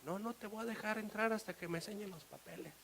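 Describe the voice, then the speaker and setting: A man's voice: high voice, quick pace, vocal fry, a bit bright, voice pushed up, heavily acted. A man doing a curt customs officer. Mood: stubborn. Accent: Mexican Spanish. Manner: curt, stubborn.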